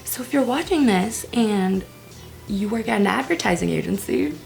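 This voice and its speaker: Her voice is medium-pitched, animated and darkish, with vocal fry, and she speaks at a normal speed. The woman, in her early twenties, is a vlogger doing her makeup at home and chatting casually, self-deprecating, with whispered asides. The recording is rough, and faint music plays behind her.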